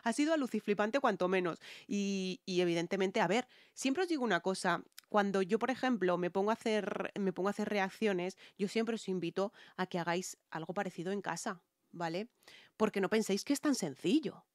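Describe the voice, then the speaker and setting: A woman's voice: mid-range voice, fairly quick, no echo, clean studio sound. A woman with a Spain Spanish accent, a singer talking viewers through a song in an emphatic, chatty way. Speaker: singer reviewing music. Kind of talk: reaction and vocal analysis.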